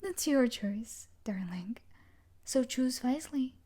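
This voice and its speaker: Coolly threatening, a woman gives an exaggerated performance as an obsessive yandere stalker from a dark romance book in an intimate audio roleplay. Her slightly high voice moves slowly with lively intonation. She's breathy and coaxing with quiet menace, often sinking into a whisper.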